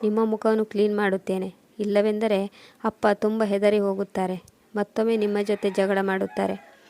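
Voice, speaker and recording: A woman reading the lines of an innocent little boy who gently comforts his mother. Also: medium pitch, little pitch movement, moderate pace, no room sound, close to an everyday voice. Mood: tender. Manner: gentle, soothing.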